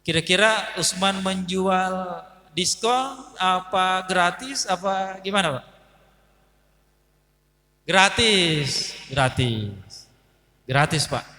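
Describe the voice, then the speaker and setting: A man's voice: high voice, expressive, takes it slowly, pushed and bright, in a large hall. A man giving a sermon to a live audience, telling a story and acting out its dialogue while addressing listeners directly. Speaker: preacher.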